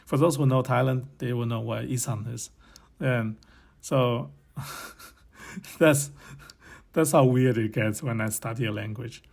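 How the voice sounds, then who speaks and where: Gravelly-voiced man giving casual advice. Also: mid-range voice, a little mellow. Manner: rambling, chuckling, loose phrasing. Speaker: channel host.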